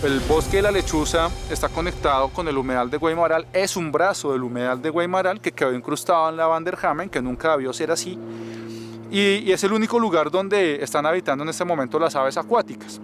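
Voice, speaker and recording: A man explains his view in a documentary interview. His voice is a bit high for a man, and music is clearly audible behind him. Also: a little fast. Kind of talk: informal expert interview.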